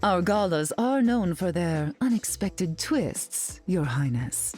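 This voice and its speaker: A woman voices a haughty, glamorous society queen in a video game, sounding sardonic and amused. Her low, darkish voice is slow and sing-song, imperious and arch, drawling endearments over soft background music.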